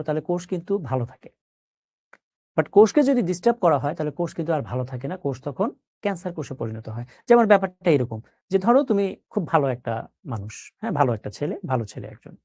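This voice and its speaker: Lively-voiced male teacher asking questions. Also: on the high side, no room sound. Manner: explains with everyday examples and checks understanding with questions. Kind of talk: classroom biology lesson.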